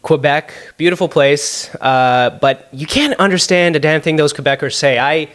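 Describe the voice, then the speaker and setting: A man's voice: on the high side, moderate pace, fairly bright tone. A young man from Canada with a Canadian accent, hosting a solo podcast Q&A from his apartment in a rambling, jokey, sarcastic way. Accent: Canadian English. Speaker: podcast host. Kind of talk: solo podcast Q&A, casual chat. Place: apartment room at home.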